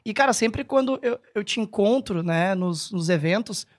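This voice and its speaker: A man's voice: high-pitched, animated, moderate pace. A man, chatting casually as a podcast guest in a rambling, hesitant, self-correcting way. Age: 30s. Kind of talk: casual chat.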